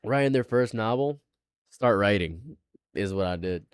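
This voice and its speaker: A man's voice: on the low side, lively intonation, measured pace, clear, resonant tone, no echo, clean studio sound. A man in his late twenties, a live streamer chatting casually, rambling and repeating himself, laughing often. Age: late 20s.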